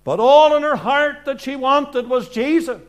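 A man preaching an evangelical sermon in earnest, deliberate short phrases, swinging from hushed lines to loud projection. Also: extremely high pitch.

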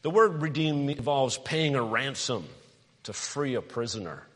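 A middle-aged male pastor preaching a sermon, animated, telling stories and asking the congregation questions. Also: medium pitch, unhurried. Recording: long hall reverb.

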